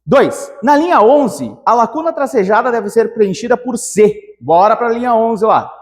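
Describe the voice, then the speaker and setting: A man teaching an exam-prep grammar lesson, lively and animated, talking straight to the student. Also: very high voice, normal speed, big-room sound. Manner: lively, animated, calls viewers "meu querido".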